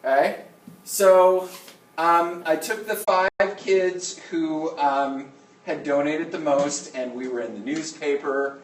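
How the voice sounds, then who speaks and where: A man's voice: on the high side, fairly even intonation. Give the voice of a male schoolteacher talking informally to his class in stops and starts. He sounds distant from the mic in an echoey room, and he keeps checking that everyone follows. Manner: halting, repeats okay to check attention. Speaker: middle school teacher. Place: indoor classroom with students. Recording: roomy classroom, distant mic, faint noise.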